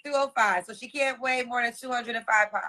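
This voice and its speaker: A woman hosting a live-stream dating interview, firing off quick questions and repeating the answers back. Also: on the high side, steady tone, bright, forceful tone.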